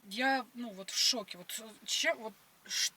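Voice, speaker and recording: Haughty woman with a bright, sharp voice. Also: a little high, a little slow, breathy edge, recorded from a distance. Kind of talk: casual argumentative chat on a date. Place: inside a car.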